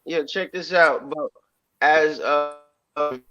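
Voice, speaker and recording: A man's voice: a little high, takes it slowly. A man calling into a podcast over an internet line that cuts out and breaks up. He talks in a laid-back, casual way full of fillers. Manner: laid-back, drifting with fillers and "you know what I mean". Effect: remote call audio cutting out and breaking up. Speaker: podcast co-host calling in remotely. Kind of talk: casual chat about boxing. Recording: muffled lo-fi internet call.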